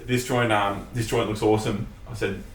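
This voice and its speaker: Low-voiced Australian man recounting a trip. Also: moderate pace. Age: young adult. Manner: relaxed storyteller, swears, hesitant fillers. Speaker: guest. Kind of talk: casual chat, storytelling. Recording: roomy sound, mic at a distance, faint hiss.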